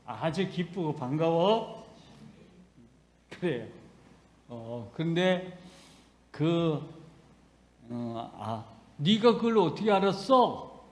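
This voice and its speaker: A man preaching a sermon as pastor, in a slow, conversational way, acting out dialogue. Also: on the high side, very animated, a little mellow. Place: church sanctuary. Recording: long hall reverb.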